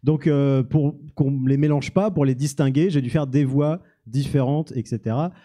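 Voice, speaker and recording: Guy rambling on stage at a live q&a, really dark mellow tone, jokes at himself. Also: medium pitch, fairly even intonation, normal speed. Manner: self-mocking, rambling, many restarts. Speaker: youtuber guest. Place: small cinema-café venue with audience.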